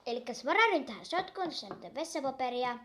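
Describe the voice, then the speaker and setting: Excitable high-voiced girl unboxing toys. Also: slight background noise. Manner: excitable, gushing squeals; counts down aloud. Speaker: toy unboxing vlogger. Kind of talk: casual unboxing chat.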